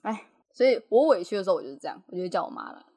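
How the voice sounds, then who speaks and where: A woman with a Taiwanese Mandarin accent, co-hosting a podcast and telling childhood stories in an animated way, laughing often. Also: mid-range voice, very fast, breathy edge. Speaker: podcast co-host. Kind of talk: casual chat.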